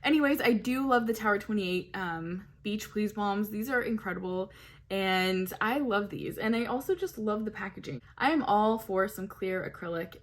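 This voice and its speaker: A woman's voice: medium pitch, normal speed. A woman reviewing makeup in a casual, chatty way, gushing over each product with plenty of fillers. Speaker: beauty vlogger. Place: home, hot weather.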